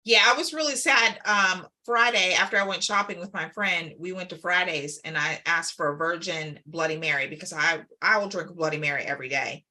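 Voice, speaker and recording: A woman's voice: on the low side, a little fast, few pauses. A woman from Maryland co-hosting a live stream, chatting casually and asking lots of questions. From Maryland, USA. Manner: lively, expressive, asks many questions.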